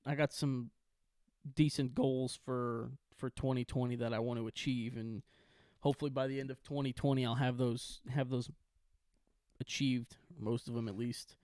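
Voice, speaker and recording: A man's voice: mid-range voice, fairly even intonation, normal speed, a little mellow, no room sound. Young man, casual chat, laughs a lot, swears, dry close sound, video call. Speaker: podcast co-host.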